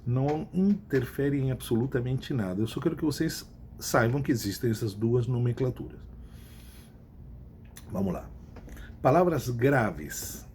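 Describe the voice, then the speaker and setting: Man, Brazilian Portuguese accent, teacher explaining rules, mid-pitched voice, repeats key points, faint hiss behind. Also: measured pace, long pauses, darkish tone. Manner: repeats key points, asks checking questions. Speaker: Spanish teacher. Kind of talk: recorded class lesson.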